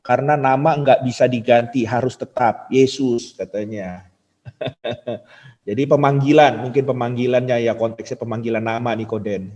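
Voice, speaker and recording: A man's voice: medium pitch, fairly even intonation, normal speed, a little mellow. A man hosting a church discussion, reading out questions and summing up the speaker's points in a conversational way. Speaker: host. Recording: dull reverberant hall sound.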